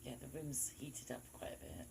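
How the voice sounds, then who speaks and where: A man's voice: mid-range voice, big pitch swings, normal speed, gravelly, background noise. A man chatting casually and giving short replies as a sitter in a group circle. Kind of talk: casual chat.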